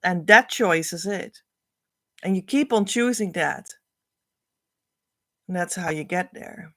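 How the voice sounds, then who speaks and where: Speaking English with a Dutch accent, this spiritual coach is a native Dutch speaker teaching spiritual values over a livestream. Her voice sits on the low side and she takes her time, earnest and repetitive, flowing along with soft trailing phrase ends. There's no room sound, and the quality is studio level.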